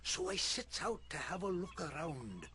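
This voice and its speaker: A gruff old fisherman from a video game, grumbling and spinning yarns in salty sailor speech. His voice is soft and relaxing, pitched a little higher than most men's. Faint noise and ambience sit behind him. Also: very animated, moderate pace. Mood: reminiscing. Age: older. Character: gruff old sailor, grumpy storyteller mending nets. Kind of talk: video game character acting.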